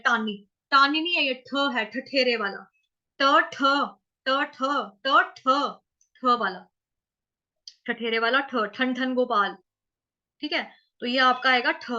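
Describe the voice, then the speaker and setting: Woman w/ teaching chanting, stretches the words out slow then chats quick, bright voice, kinda muffled audio. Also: high voice. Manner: slow drawn-out chanting of verse, then quick chatty explanation. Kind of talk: step-by-step pronunciation lesson. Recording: slightly dull lo-fi audio.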